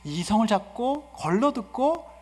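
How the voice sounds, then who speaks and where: A male guest pastor giving an animated, humorous sermon and asking the congregation questions. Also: very high-pitched, a little slow. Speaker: guest pastor and seminar speaker. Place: church sanctuary. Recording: reverberant church hall.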